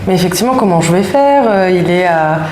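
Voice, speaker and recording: A woman's voice: on the low side, fast, darkish tone, a little hiss or hum. Hesitant French woman in her thirties. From France. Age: 30s. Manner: hesitant, many fillers. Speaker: guest. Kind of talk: casual interview. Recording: roomy sound with faint ambience.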